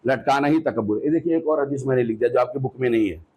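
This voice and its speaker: A man teaching a hadith class, asking his students questions, repeating key points and reciting Arabic phrases slowly before explaining them. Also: medium pitch, slightly rough, highs cut off. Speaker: Islamic teacher.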